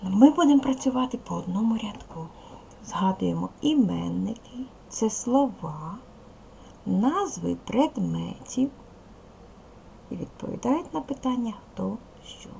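A woman teacher with a Ukrainian accent gives a recorded lesson to small children, slow and patient. Her voice has a strong gravelly fry, and a faint hiss sits under the recording. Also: medium pitch, expressive, mellow, low-quality recording. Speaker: primary school teacher. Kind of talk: video lesson for young pupils.

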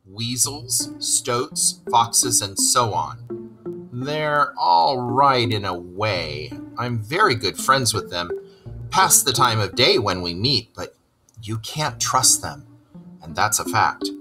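A man's voice: fairly low pitch, expressive, takes it slowly, music in the background. A man voicing a cheerful, self-assured male water rat who talks in a chatty, hearty way in a storybook reading. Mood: wary. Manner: chatty and hearty, hesitant when wary.

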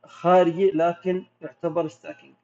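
Gulf-accented man, a bit high-pitched, reads questions aloud and explains calmly; dull, lo-fi recording. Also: a little fast. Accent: Gulf Arabic. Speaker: macro photographer answering viewer questions. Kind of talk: casual live Q&A. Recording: dull lo-fi audio.

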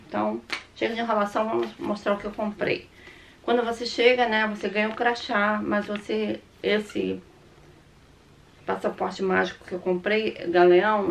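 A Brazilian woman in her fifties with a slightly hoarse, sore-throat voice, chatting casually to the camera as a vlogger showing her purchases. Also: medium pitch, a little hiss or hum. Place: small room at home, indoors.

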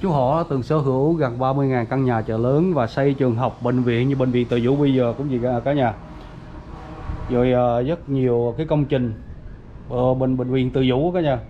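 Walking his audience through an old family grave site, a male vlogger talks in a relaxed, rambling way packed with fillers, calling them "everyone." His voice is mid-pitched, fairly even in intonation, and moderately paced. The sound, recorded outside a cemetery gate, is dull and lo-fi with faint outdoor noise.

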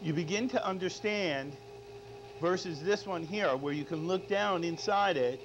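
A middle-aged male chef gives an unscripted cooking demonstration in a studio kitchen, often checking in with "all right?". His voice is high and his pace measured. Recorded on a lapel mic, the audio is dull and lo-fi with background noise.

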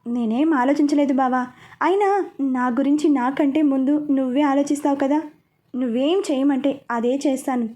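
A pouting young woman who teases and grumbles at the people close to her, as a woman storyteller reads her part. The voice is high and mellow, in a spoken audio story. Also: moderate pace, natural voice. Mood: sulky. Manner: pouting, teasing. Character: sulky, playful young woman.

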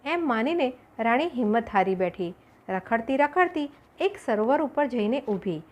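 Expressive woman reading a folk tale. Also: a little high, normal speed. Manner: expressive storytelling, voices characters. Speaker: audiobook narrator.

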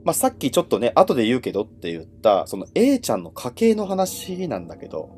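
A man telling ghost stories as a livestream host in casual, conversational speech, with dramatic pauses and phrase endings that trail off. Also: mid-range voice, wildly swooping pitch, darkish tone. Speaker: horror storyteller and host.

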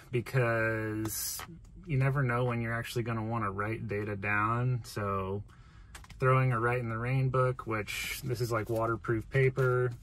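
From inside a parked van, a man in his thirties shows off gear on video, explaining things in a casual, straightforward way. His mid-range voice is a bit bright, and there's slight background noise.

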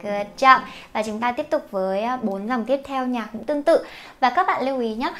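A woman's voice: fairly high pitch, moderate pace, bright, forceful tone, soft background music. A young woman teacher who explains a song, translates lines and points out pronunciation, singing parts herself. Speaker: English teacher teaching through songs.

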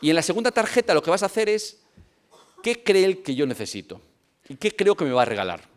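Lively storytelling man giving a talk. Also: high voice, fairly quick. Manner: animated storyteller, asks "¿no?" often. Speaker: conference speaker.

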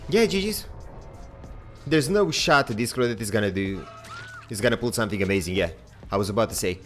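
A young man casually commentating his own gameplay, chatty and excitable, swearing now and then and talking to his viewers. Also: mid-range voice. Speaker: game streamer.

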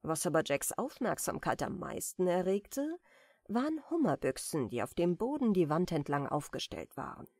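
A woman reads a bedtime fairy tale aloud, calm and expressive in her storytelling. Her pitch moves in a lively way. The sound is dry and close to the mic. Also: moderate pace, no echo. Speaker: audiobook reader.

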